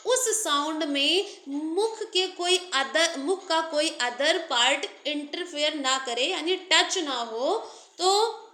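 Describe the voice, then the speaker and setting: A woman's voice: high voice, pushed and bright, reverberant. A woman teaching an English grammar lesson in Hindi and English, explaining step by step while she writes.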